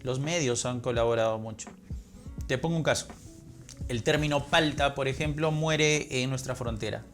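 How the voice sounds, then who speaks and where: A man's voice: medium pitch, moderate pace, fairly bright tone, soft background music. A man with a Lima Peruvian accent, a literature professor talking as an interview guest, explaining in a teaching manner and answering his own questions. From Peru.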